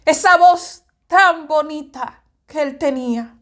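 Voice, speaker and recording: A woman's voice: sits high, slow. A woman giving a fervent religious reflection, often repeating herself and speaking straight to the listener. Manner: fervent, repetitive, addresses the listener directly. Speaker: evangelical preacher.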